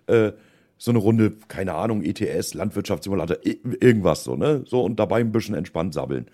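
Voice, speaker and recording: A man's voice: deep voice, expressive, fairly quick, dark tone. A man co-hosting a podcast, chatting casually about his livestreams, telling rambling anecdotes full of fillers. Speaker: podcast co-host and streamer. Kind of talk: casual chat.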